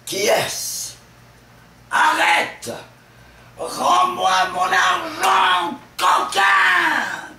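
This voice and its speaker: A man's voice: extremely high pitch, very animated, drawn-out words, vocal fry, bright, forceful tone, raised voice, voice pushed up, full character voice. A man voicing an old male miser, frantic and panicked over his stolen money, in a shrieking declamation. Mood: panicked searching. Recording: distant mic in an echoey room.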